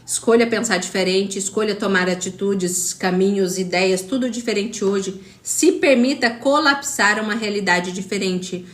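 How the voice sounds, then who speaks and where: A woman's voice: mid-range voice, normal speed, hardly any pauses, echoey room. A woman with a Brazilian Portuguese accent hosting a live stream as a spiritual coach, talking in an emphatic, repetitive way and greeting viewers by name. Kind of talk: motivational live-stream talk.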